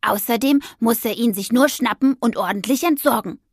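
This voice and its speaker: A woman's voice: a little high, normal speed, slightly rough, no room sound, clean studio sound. A woman voicing a hot-tempered, self-righteous young witch in an audio story, brash and indignant. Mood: defiant. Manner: indignant, brash, shouting at passers-by.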